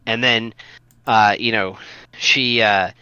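A man's voice: on the low side, fairly even intonation, slow pace, sharp tone, clean tone, no room sound, highs cut off. A man co-hosting a casual podcast, talking earnestly with many restarts and fillers. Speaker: podcast co-host.

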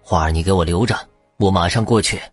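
A man playing a greedy, corrupt middle-aged official in an audio story, talking in a smug, gruff way. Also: low-pitched, fast talker, dry recording, soft background music, pitched below the performer's own voice. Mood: urgent.

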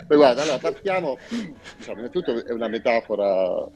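A man's voice: medium pitch, sing-song, vocal fry, crowd noise. A man from Salento giving a casual radio interview as a musician guest, speaking hesitantly and searching for words. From Salento, southern Italy. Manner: hesitant, with frequent pauses and searching repetitions. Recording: dull lo-fi audio.

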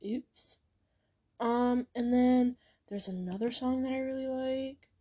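A young woman talks through her favorite songs in a loose, rambling vlog chat. Her voice is mellow and soft-edged, and she takes her time. Fillers like um and like pile up between thoughts. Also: on the high side, fairly even intonation, slow pace. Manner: rambling, filler-heavy, lots of ums and likes. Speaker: YouTuber recommending songs. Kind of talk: casual music chat.

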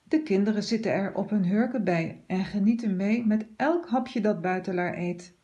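A woman calmly reading a children's story aloud. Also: mid-range voice, normal speed, highs cut off.

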